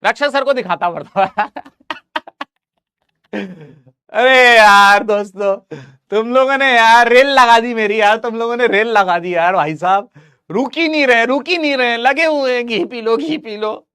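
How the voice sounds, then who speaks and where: A man's voice: very high-pitched, a little slow, sharp tone, smooth, no echo, studio quality. A male teacher chatting casually with his students, teasing them with mock-indignant complaints. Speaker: online teacher.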